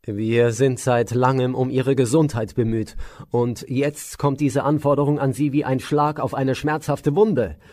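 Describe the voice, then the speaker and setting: A man's voice: medium pitch, fairly even intonation, unhurried, a little mellow, natural voice. A man voicing an anxious father king who speaks in a lamenting, pleading way.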